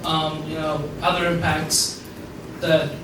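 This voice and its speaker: Slow and level, with a slightly high pitch, this young Afghan man gives an alumni speech at a networking event. He rambles with plenty of fillers, and the mic sits far away in an echoey space with noise in the background.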